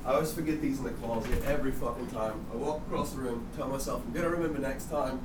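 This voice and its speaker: A man's voice: mid-range voice, fast talker, background noise. A man with a campy drag-queen persona hosting a casual podcast chat, effusive and freely swearing, calling people darling. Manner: freely profane. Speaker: podcast host.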